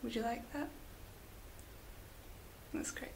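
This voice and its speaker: Softly whispering woman, ASMR spa roleplay. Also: rough recording. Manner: soft whispering, gentle and slow, many small fillers. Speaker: ASMR roleplay host as a spa beauty therapist. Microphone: close sensitive mic. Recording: hissy close mic.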